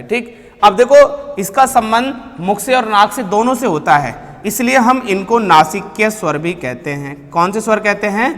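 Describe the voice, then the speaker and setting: A man's voice: high-pitched, fairly bright tone, big-room sound. A man teaching a Hindi grammar lesson, repeating each point and asking his students questions. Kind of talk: classroom lecture at a board.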